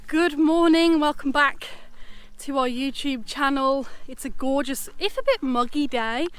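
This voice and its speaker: A woman's voice: sits high, a little slow, no room sound. A woman hosting a vlog, giving casual, chatty updates to camera. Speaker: vlog host.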